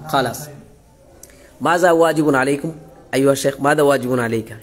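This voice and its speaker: A man from Bangladesh, a visiting sheikh urging students in a classroom lecture, quizzing them with repeated questions and halting often to restart. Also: medium pitch. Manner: halting, many pauses and restarts.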